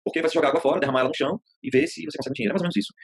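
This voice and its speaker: A man's voice: on the high side, very fast, gravelly, husky. A man teaching a therapy course in a casual lecture, telling stories in plain everyday speech and repeating phrases to drive his points home. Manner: colloquial, storytelling, repeats phrases for emphasis. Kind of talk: informal online class lecture.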